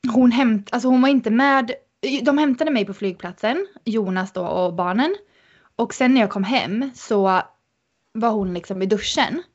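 Woman rambling thru a story on a podcast, lots of fillers, mid pitch, kinda dull lo-fi sound. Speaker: podcast guest. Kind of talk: casual storytelling chat.

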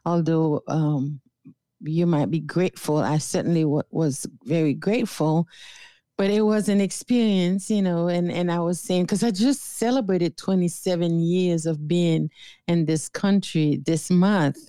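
A woman's voice: fairly low pitch, measured pace, warm tone, dry recording. A middle-aged woman from Haiti, a therapist being interviewed, speaking thoughtfully with many fillers and restarts. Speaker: guest therapist. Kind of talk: interview conversation.

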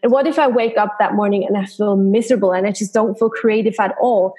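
A woman's voice: medium pitch, fairly even intonation, quick pace, dark tone, poor audio. A woman speaking as an interview guest, explaining her freelance work in a casual, conversational way. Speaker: interview guest, freelance social media marketer.

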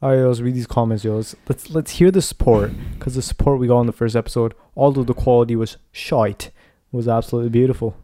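A man's voice: mid-range voice, steady tone, fast, few pauses, mellow, no echo, clean studio sound. A young man with a western Canadian accent, co-hosting a podcast with casual banter full of slang like "yo" and "bro". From Surrey, British Columbia, Canada. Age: young adult. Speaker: podcast co-host.

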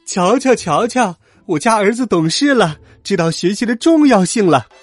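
A man voicing a loud, proud middle-aged mother in a children's storybook reading, boasting shrilly for the neighbors to hear. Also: on the high side, huge pitch swings, moderate pace, slightly rough, dry recording, faint music behind, full character voice. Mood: boastful.

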